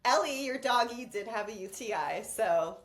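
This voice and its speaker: A woman co-hosts a casual book chat. Her voice is high, and its pitch jumps about freely. She gushes and cheers her friend on. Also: expressive, roomy sound. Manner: supportive, gushing, quick to laugh. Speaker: podcast co-host.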